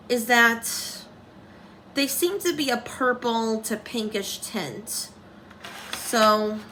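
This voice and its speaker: A woman's voice: a little high, pushed and bright, slight background noise, low-quality recording. A young woman talking through a casual makeup tutorial, rambling and commenting on herself, with dry sarcastic asides.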